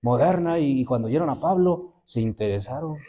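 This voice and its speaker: This preacher, a man in his 50s, speaks briskly in a warm, expressive, medium-pitched voice. He tells stories to the congregation, performs the quoted voices in them, and speaks straight to his listeners.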